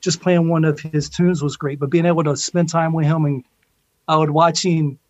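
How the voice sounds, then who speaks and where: A man with a slightly high voice talks casually as an interview guest. His delivery is informal and laid-back, like someone reminiscing with a friend. The sound is a little dull, as on an online call. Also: flat delivery, moderate pace, darkish tone. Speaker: interview guest, steel pan musician.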